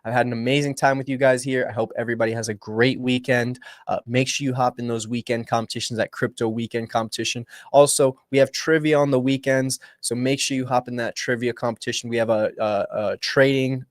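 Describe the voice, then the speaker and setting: A young man hosting a livestream, talking casually and upbeat, rambling and restarting his sentences, at times dropping low and at times getting loud. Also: fairly even intonation, brisk, hardly any pauses, dry recording, studio quality. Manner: rambling, upbeat, restarts often and shifts between hushed and loud. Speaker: livestream host. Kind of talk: casual motivational livestream talk.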